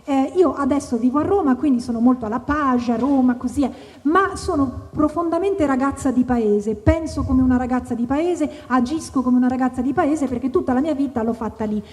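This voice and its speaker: Brief: high, chatty woman host, live onstage banter, long reverb, faint noise. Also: darkish tone. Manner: chatty, joking, quick to banter. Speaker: event host and interviewer. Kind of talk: casual live onstage conversation. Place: outdoor tent at an evening wine festival.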